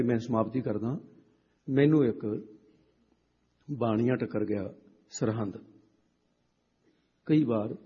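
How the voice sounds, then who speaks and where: A Sikh preacher from Punjab, a man telling a story in a sermon and acting out the dialogue with lively delivery. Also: mid-range voice, husky. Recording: reverberant hall, dull lo-fi sound.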